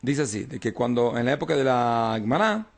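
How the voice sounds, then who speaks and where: A man's voice: medium pitch, lively intonation, fairly quick, vocal fry. A man, a rabbi, teaching an informal Talmud class, explaining texts and often checking that his students follow.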